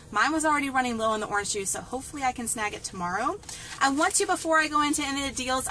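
The couponing vlogger's voice sits high, bright and forceful, as she cheerfully walks viewers through store deals and then films from her parked car. She speaks directly to them with "y'all" and "guys," and store and car noise fill the background.

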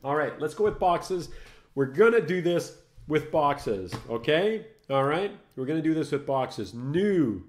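A man's voice: a little high, expressive, a little slow. A middle-aged French Canadian man hosting a casual live tech show, chatty and self-mocking, laughing often as he works. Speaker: host. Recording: roomy, echoey room sound.

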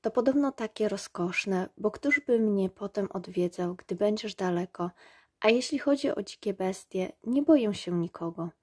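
A woman voicing a proud, delicate female rose in a storybook reading, gently and softly. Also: medium pitch, lively intonation, moderate pace, husky. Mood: tender.

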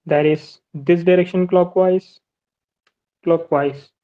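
A maritime navigation teacher walks through a screen-recorded whiteboard lesson step by step, methodically repeating points often. The voice is medium-pitched with fairly even intonation and a slow pace, in phone-quality sound.

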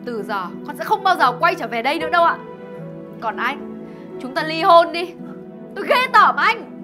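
A woman's voice: high-pitched, big pitch swings, normal speed. An actress playing a young wife who accuses her husband and mother-in-law, hurt and tearful. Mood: bitter. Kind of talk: short web drama acting. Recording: loud music behind the voice.

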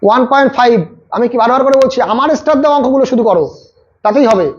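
The lo-fi clip features a very high-pitched male maths tutor sharing final exam tips. Rapid and repetitive, he coaches his students directly and keeps restating what he's said.

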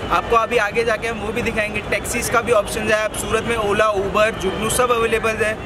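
A man's voice: high voice, flat delivery, normal speed. A young man on a lapel mic walking a busy city street outdoors, explaining step by step how to reach a shop in an upbeat way. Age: young adult. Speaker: shop representative giving directions. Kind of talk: promotional walking guide. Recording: loud outdoor traffic noise.

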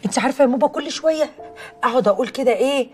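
A woman's voice: sits high, very fast, a little mellow, husky, faint music behind. An actress playing a devoted adult daughter who speaks with heartfelt emotion to her mother in an Egyptian TV drama, with an Egyptian accent. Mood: pleading. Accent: Egyptian Arabic. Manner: pleading, heartfelt.

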